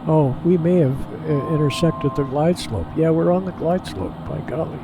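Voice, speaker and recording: A male pilot speaking into his cockpit headset, giving a relaxed, folksy running commentary while he flies. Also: fairly high pitch, normal speed, highs cut off. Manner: relaxed, folksy, thinking aloud. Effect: pilot cockpit headset sound. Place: aircraft cockpit in flight. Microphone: pilot's cockpit headset mic. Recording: headset mic over steady cockpit engine noise.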